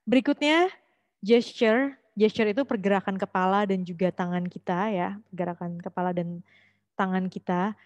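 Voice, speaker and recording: A young woman leads a public speaking class in a relaxed, chatty way. She drops English phrases into her talk now and then. Her voice sounds close and dry, with no room echo. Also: mid-range voice. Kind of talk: online workshop lesson.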